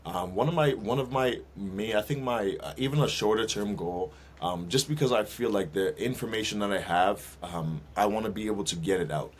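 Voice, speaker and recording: A man with a very low, deep voice talks through his plans in a relaxed interview, pausing often with ums and uhs as he gathers his thoughts. A faint hiss sits under the recording. He sounds like a young adult guest. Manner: thoughtful, many fillers and restarts. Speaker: guest, minister and auto detailing business owner. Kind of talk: casual interview conversation.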